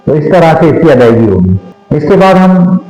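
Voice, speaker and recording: A man from Pakistan leads a slow Quran recitation lesson on letter pronunciation, patiently repeating each sound so learners can copy it. His voice is fairly high, sing-song and warm, at a normal speed, and the room is echoey with faint music.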